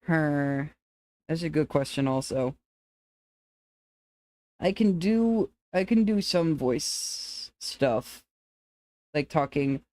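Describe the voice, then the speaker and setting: Relaxed, rambling androgynous streamer voice. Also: mid-range voice, very slow, long pauses, dry recording. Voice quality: androgynous to femme-sounding voice. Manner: relaxed, rambling, laughs often, restarts sentences. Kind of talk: casual chat with viewers.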